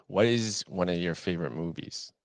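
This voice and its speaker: Deep, gravelly podcast host, dry sound. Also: male voice, no room sound. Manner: easygoing, affirming, quick "yeah yeah". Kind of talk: casual interview chat.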